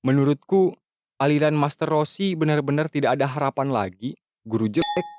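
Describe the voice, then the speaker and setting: A man's voice: a little high, a little fast, a little mellow, dry recording, lightly acted. A man voicing a spiteful old male martial arts master who throws taunting insults in a storybook reading. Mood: sneering.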